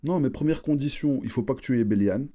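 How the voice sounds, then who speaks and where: Mellow-voiced Frenchman chatting over a game. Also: medium pitch, quick pace. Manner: informal, slangy, repeats himself. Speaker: gaming video host, player. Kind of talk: casual chat while playing a strategy game.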